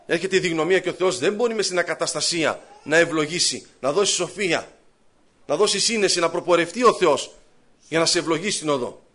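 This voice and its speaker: A man's voice: fairly high pitch, a bit bright. A man preaching a sermon, telling his own story and voicing his thoughts and prayers. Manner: rising fervent pleading in prayer.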